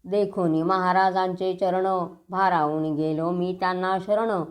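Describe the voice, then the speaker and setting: Reading scripture aloud in an unhurried, steady sing-song, a Marathi-accented woman with a lowish voice works through devotional verses. Now and then she slips and restarts.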